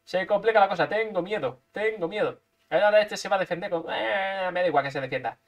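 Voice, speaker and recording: A man's voice: sits high, fast talker. A man from Spain, commentating his own gameplay live, playful and full of repeated sound effects. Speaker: gaming streamer.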